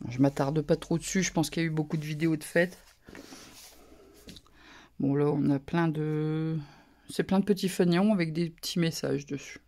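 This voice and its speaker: A woman casually talking through a craft haul, soft-spoken and murmuring, her asides drifting into whispers. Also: low voice, fairly even intonation, moderate pace, long pauses. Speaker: craft vlogger.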